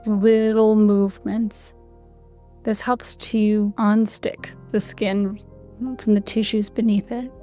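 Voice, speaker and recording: A woman calmly guiding listeners through a guided audio lesson in an unhurried, soothing voice. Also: mid-range voice, faint music behind. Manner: calm, soothing, unhurried instructions. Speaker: canine rehab instructor.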